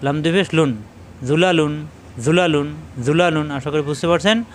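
A man teaching Quran letter pronunciation in Bengali, spelling syllables slowly and repeating each word several times, with short corrections on how to say them. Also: a little high, steady tone, a little hiss or hum. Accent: Bangladeshi Bengali. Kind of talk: spelling drill lesson.

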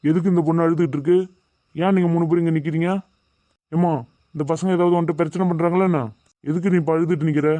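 A strict middle-aged college lecturer in a cartoon, voiced by a man, who scolds and presses for answers. His voice is dark and quick, and the recording is dry. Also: fairly high pitch, flat delivery, no echo, natural voice. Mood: stern. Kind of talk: animated cartoon dubbing.

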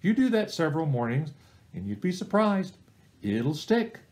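This middle-aged man sounds a little high and slightly mellow, his pitch swinging widely as he leads a recorded small-group Bible study at church. He teaches without hurrying, offering plain advice one step at a time.

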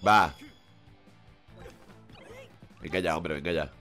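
A man's voice: deep voice, takes it slowly, faint music behind. A man with a cold, streaming a football game live and swearing at the play. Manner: excitable, swears constantly, shouts at the game. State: sick with a runny nose. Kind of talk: live gaming stream commentary.

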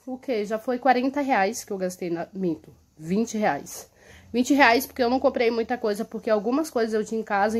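A young woman with a Brazilian Portuguese accent, chatting casually in a home vlog, recorded on a phone held at arm's length in a small room. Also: fairly high pitch. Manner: chatty, with many tag questions like "tá?" and "entendeu?". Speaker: vlogger and mother.

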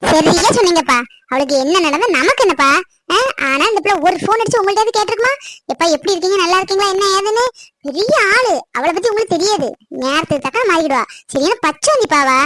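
A young woman playing a jealous, sharp-tongued teenage younger daughter in a family drama skit. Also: expressive, dry recording. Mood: taunting. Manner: taunting, quick and shrill. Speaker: younger daughter going to tuition.

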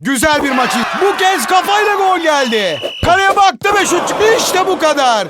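High-pitched screaming football commentator. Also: male voice, sing-song, over a noisy crowd, very noisy. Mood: excited, screaming. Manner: shouted exclamations, drawn-out goal calls. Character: excitable male football match commentator in an arcade video game.

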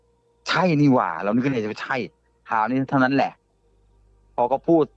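A man casually telling a ghost story on a live show, halting and often repeating his words. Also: mid-range voice, dry recording, muffled recording, soft background music. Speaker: guest storyteller.

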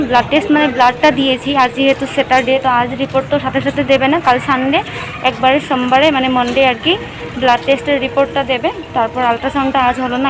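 Chatty young Bengali woman, high voice. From West Bengal, India. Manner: chatty, plain-spoken, many fillers. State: unwell with stomach pain. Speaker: vlogger. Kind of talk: casual vlog narration. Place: at home and out and about.

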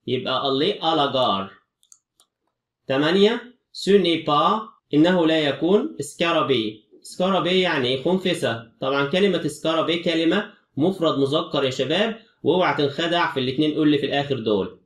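A man's voice: a little high, reverberant, recorded from a distance. A man with an Egyptian Arabic accent teaching a French exam review, explaining each answer step by step.

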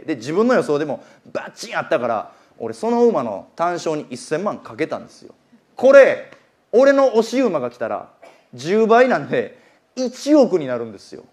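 Young man, Kansai accent, animated stand-up storyteller, high voice with wide swings. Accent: Kansai Japanese. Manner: animated storytelling, acting out his own race-day shouting. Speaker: comedian. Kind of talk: stand-up comic monologue.

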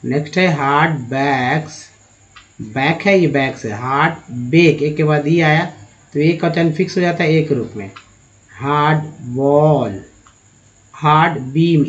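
Slow, deliberate male reading teacher. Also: fairly high pitch, dull audio. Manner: slow, drawn-out spelling of each word. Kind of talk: word-by-word reading lesson.

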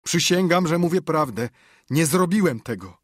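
A man's voice: mid-range voice, animated, measured pace, darkish tone, dry recording, clean studio sound, pitched above the performer's own voice. A man voicing a desperate middle-aged drunkard, pleading through sobs in an audiobook. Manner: pleading, sobbing. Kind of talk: audiobook character reading.

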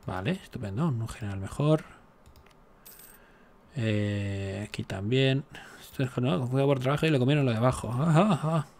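A man talks through his strategy game in a casual let's-play style. He chats and jokes as he goes, throwing exasperated asides at the game. His voice sits at an ordinary middle pitch. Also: normal speed, pauses often, a little mellow. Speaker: gaming YouTuber.

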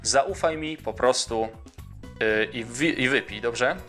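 Guy reading out a bossy caring healer lady from a story, urgent, fussing, bright voice. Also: medium pitch, slow pace, soft background music. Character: caring, bossy middle-aged woman healer.

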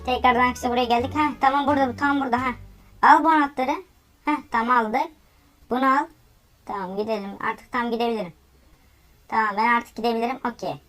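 A woman giving excitable gameplay commentary, often exclaiming and laughing as she plays. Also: a little high, brisk, pauses often, faint music behind. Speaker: gaming YouTuber.

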